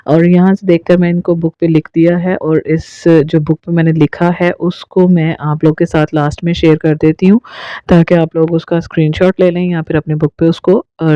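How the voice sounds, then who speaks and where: A woman's voice: low-pitched, warm tone, dry recording. Woman teacher explaining on a dull, dry phone recording. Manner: explains step by step, with frequent fillers. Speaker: English teacher. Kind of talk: online class explanation.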